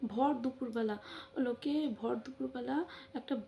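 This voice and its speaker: A middle-aged woman vlogger delivers an emotional personal monologue in a high, slightly slow voice with vocal fry. Impassioned, she repeats phrases and keeps affirming herself with short interjections; the audio has its highs cut off and slight background noise.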